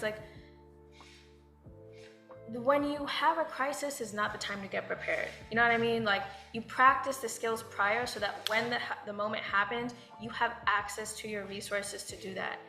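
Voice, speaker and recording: A woman from the United States, a guest in a panel discussion, reflects in a loose, filler-heavy way. Her voice runs on the high side and sounds bright and forceful, and the room echoes.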